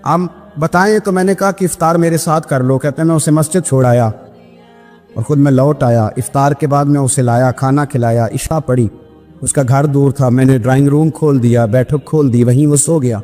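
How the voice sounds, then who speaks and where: A man from Pakistan preaching a storytelling sermon, emphatic, his voice climbing high at emotional peaks. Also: steady tone, warm tone. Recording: long hall reverb with music behind.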